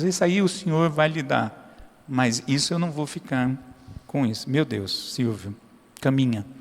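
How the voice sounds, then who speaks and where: A man preaching a sermon as pastor. He swings between loud, high emphasis and low, quiet asides, and acts out short prayers in a familiar tone. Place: church hall. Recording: long hall reverb.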